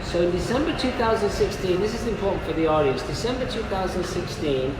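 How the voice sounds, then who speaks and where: A man's voice: high-pitched, expressive, fast, a loud crowd. A man working as a hairdressing educator, casually chatting and joking as he demonstrates, often repeating his phrases. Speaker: hairdressing educator and salon boss. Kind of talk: casual demonstration and chat while cutting hair. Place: indoor busy hair salon. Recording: echoey room with clear background noise.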